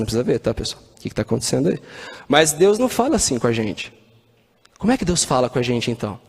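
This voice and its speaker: A man giving a spiritist lecture, telling anecdotes and asking the audience questions. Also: a little high. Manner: storytelling with anecdotes and quoted dialogue. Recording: long hall reverb.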